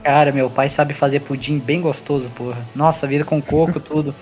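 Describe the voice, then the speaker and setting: Podcast co-host, casual, joking, swears a lot. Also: male voice, a little high, steady tone, a little fast, darkish tone, soft background music. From Paraná, Brazil. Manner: laid-back, swears often, joking. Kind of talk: casual chat.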